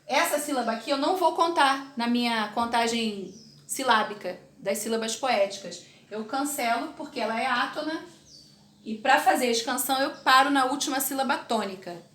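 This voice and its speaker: A woman's voice: fairly high pitch, moderate pace, a bit bright, roomy sound, a little hiss or hum. A woman teaching a recorded literature class, explaining terms step by step and checking in with her students. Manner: explanatory, checks in with tag questions.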